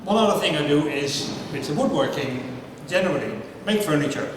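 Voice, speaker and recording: At a moderate pace, a Dutch man in his fifties gives a relaxed public talk at a science night, poking fun at himself and drawing the audience in with questions. His booming voice fills a large echoey hall, recorded from some distance with clear background noise.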